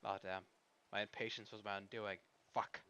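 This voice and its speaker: A man live-streaming a game, talking to his chat in a rambling, profane, excitable way. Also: lowish voice, moderate pace, clear, resonant tone.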